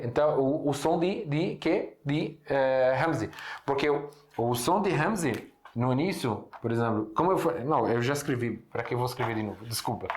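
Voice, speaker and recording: A man's voice: a little high, darkish tone. A young man whose first language is Arabic, teaching an online language lesson in Portuguese with an Arabic accent. He explains patiently, asks himself rhetorical questions and often corrects himself. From Syria. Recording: echoey room.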